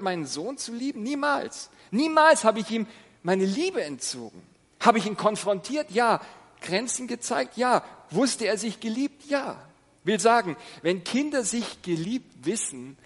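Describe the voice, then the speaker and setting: A man's voice: high-pitched, in a large hall. A middle-aged man preaching a sermon in an earnest, exhorting way, asking rhetorical questions.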